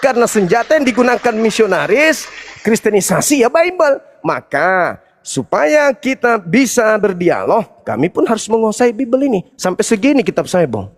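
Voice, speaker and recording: A man with a high, lively voice delivers a combative debate speech, taunting and lecturing his listeners. His voice swoops up and down as he drives each point home. A long reverb trails every phrase, as if he stands in a large hall. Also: normal speed. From Indonesia. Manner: taunting, preachy, emphatic. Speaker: Islamic apologetics debater.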